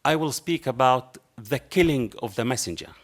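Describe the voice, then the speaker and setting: In a dark lecture hall, a middle-aged panelist with a strong Arabic accent tells an anecdote to the audience, acting out both parties in a conversation. He's animated and passionate, with a mid-range voice at moderate pace and non-native phrasing, captured on a table microphone.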